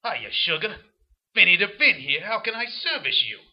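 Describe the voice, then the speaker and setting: An actor playing a small, lecherous demon shopkeeper with a gravelly voice and sarcastic wise-guy talk in a comic fantasy audio drama. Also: sits high, big pitch swings, normal speed, highs cut off, full character voice. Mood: leering, flirty. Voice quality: raspy, gravelly.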